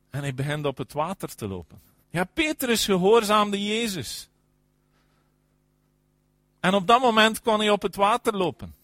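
Male preacher, higher register, emphatic sermon delivery, dry close sound. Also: no echo. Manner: emphatic, frequent affirming "ja", swings between loud and soft.

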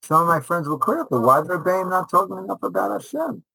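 A rabbi who teaches high school talks fast in a casual interview, his high voice bright, forceful, gravelly and slightly rough. He is animated and emphatic, restating short phrases the way a teacher presses a point. The sound is close and dry with no echo, though the audio is poor.

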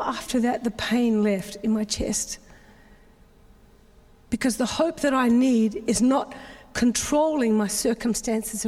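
A woman's voice: on the high side, a little mellow. A middle-aged woman pastor, preaching an emotional, confessional sermon full of repeated phrases. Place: church sanctuary. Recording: long reverb of a large hall.

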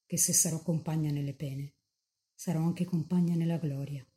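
A nun reading as a young mystic in rapture. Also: female voice, sits low, fairly even intonation, normal speed, dark tone, natural voice. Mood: fervent pleading. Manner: fervent, tender pleading prayer. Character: young woman mystic in rapture, pleading with Mary.

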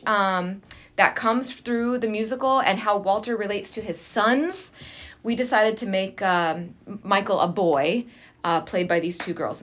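A woman's voice: medium pitch, fairly bright tone. A woman who teaches drama and runs a school arts program, chatting enthusiastically in an interview with lots of restarts. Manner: enthusiastic, talkative, many restarts. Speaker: high school drama teacher and assistant principal. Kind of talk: casual interview talk. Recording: slightly muffled lo-fi recording.

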